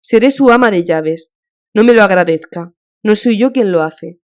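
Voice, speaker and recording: A woman's voice: mid-range voice, lively intonation, normal speed, a little mellow, lightly acted. A woman reading an audiobook, voicing a devout countess who speaks in a fervent, consoling, emotional way, on a dull lo-fi recording.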